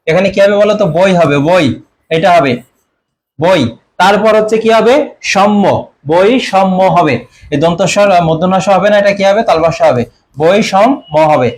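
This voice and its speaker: A young man teaching an online exam-prep grammar class, often quizzing his students and clearing his throat. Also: high-pitched, fast, a little hiss or hum. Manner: quizzing students with repeated questions. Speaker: admission coaching teacher.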